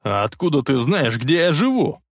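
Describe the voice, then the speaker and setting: A man voicing a brash young bully who talks in a loud, mocking way. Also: on the high side, sing-song, moderate pace, no echo, studio quality, voice pushed up. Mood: shouting.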